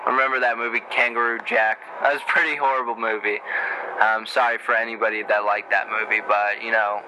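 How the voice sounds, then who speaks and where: A man's voice: medium pitch, level tone, quick pace. A young man casually commenting on a movie while it plays, rambling and joking and often stumbling over his words. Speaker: podcaster reacting to a movie. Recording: noticeable background noise.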